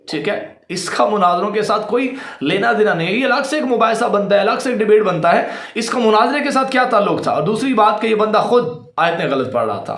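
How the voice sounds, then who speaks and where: A man's voice: high-pitched, a bit bright, echoey room. A man, a cleric and debater, giving polemical commentary to his audience in a scornful, repetitive, mocking way.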